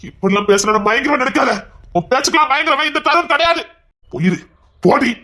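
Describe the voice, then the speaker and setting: A man's voice: very high-pitched, lively intonation, fast, pushed and bright, exaggerated voice. A man with a Tirunelveli accent playing a harsh, hot-tempered young man who gives commands and threats. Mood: contemptuous. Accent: Tirunelveli Tamil. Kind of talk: comedy skit drama.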